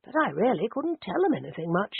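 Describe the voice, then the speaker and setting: A woman's voice: medium pitch, very animated, fairly quick, creaky, husky, no room sound, voice pushed up, exaggerated voice. A woman reading a mild, genteel old vicar. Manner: mild, soft-spoken, refined. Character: mild, apologetic older male vicar. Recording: dry, narrowband phone-like audio.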